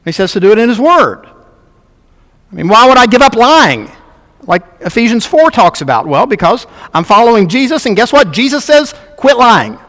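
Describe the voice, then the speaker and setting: Pastor, male, higher voice, emphatic earnest sermon delivery, long hall reverb. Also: very animated, normal speed, a bit bright. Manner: earnest, emphatic preaching with repetitions.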